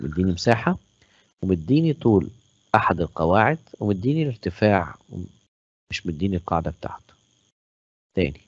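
Deep-voiced egyptian guy teaching math quick, dry dull stream audio. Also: darkish tone, no room sound. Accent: Egyptian Arabic. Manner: asks questions and answers them himself, praises students. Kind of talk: online math lesson.

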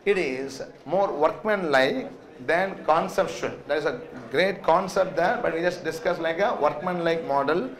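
A man's voice: a little high, a little slow. Tamil-accented South Indian male lecturer, echoey room. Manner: repeats phrases and checks with rhetorical questions. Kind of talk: classroom lecture. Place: indoor classroom, talking to students.

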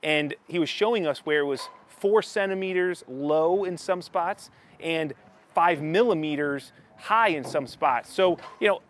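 A man's voice: a little high, a little slow, a little hiss or hum. A man in his thirties with a lapel mic, chatting eagerly as he tours a construction site and explains what he sees. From United States. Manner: enthusiastic, chatty, explaining as he walks. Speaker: construction vlogger. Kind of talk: casual walkthrough vlog. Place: construction site, in a tool container and on an open upper floor.

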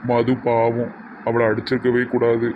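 A man's voice: medium pitch, monotone, a little slow, background noise. A man with a Tirunelveli Tamil accent acting in a comedy sketch, talking in a stern, grumbling way. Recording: dull lo-fi sound.

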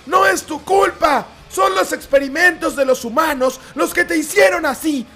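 A man's voice: very high-pitched, normal speed, pushed and bright, raised voice, voice pushed up. A man voicing an earnest heroic young Tyrannosaurus, emphatic and imploring, in a dramatic toy-dinosaur story. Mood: pleading.

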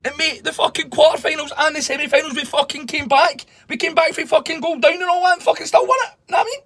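A man plays a cocky Glaswegian football fan who swears through his teasing. His voice sits very high for a man, with a bright, sharp edge. The sound is close and dry. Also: fast, no echo. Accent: Glaswegian Scottish. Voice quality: sweary, mocking banter. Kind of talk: comedy sketch dialogue.

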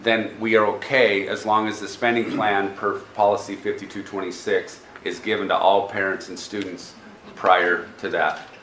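Presenting for a school district at an indoor public board meeting, an American man gives an informal report and fields questions. His pitch is fairly low and a bit bright, delivered in a level tone at a moderate pace, with room echo and faint background noise.

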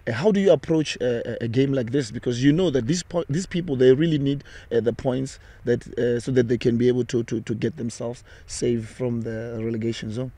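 A man's voice: mid-range voice, fairly quick, few pauses, warm tone, no room sound. A young man hosting a football podcast outdoors, asking questions hesitantly with many fillers and restarts. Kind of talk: interview questions. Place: outdoors on a sunny football field. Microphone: handheld mic on a stand.

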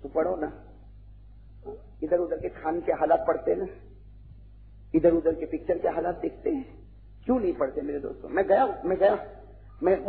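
A man preaching a religious sermon, with dramatic swings from low talk to shouted lines and many questions to the crowd. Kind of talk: Urdu-Hindi religious sermon. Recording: tinny lo-fi phone-like recording with faint noise.

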